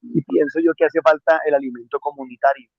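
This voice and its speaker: A man's voice: a little high, steady tone, fairly quick, vocal fry, no room sound, highs cut off. Earnest man preaching a homily. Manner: earnest, repeats phrases for emphasis. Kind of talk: homily on the day's readings.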